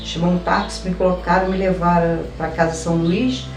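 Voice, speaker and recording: A woman's voice: on the low side, level tone, normal speed. A Brazilian woman recounting a personal story as an interviewee, often with rising emotion. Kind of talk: personal testimony. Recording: echoey room, distant mic, faint music.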